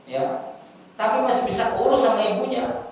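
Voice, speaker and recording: A man giving a humorous, animated religious lecture to a congregation, acting out little scenes as he goes. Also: extremely high pitch, normal speed. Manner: animated, jokey, acts out scenes. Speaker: preacher. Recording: echoey hall from far off with faint ambience.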